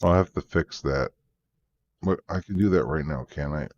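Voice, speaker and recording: A man's voice: a bass voice, normal speed, muffled recording. A man live-streaming a game, chatting casually, sleepy and yawning, thanking his viewers. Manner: relaxed, tired, thanking viewers.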